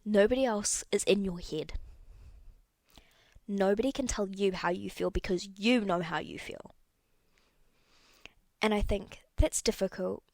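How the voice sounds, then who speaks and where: A woman's voice: medium pitch, a little slow, pauses often, darkish tone, no echo. A young woman hosting a solo podcast, talking candidly and rambling a little, correcting herself as she goes. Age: young adult. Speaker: podcast host. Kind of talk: casual solo podcast talk.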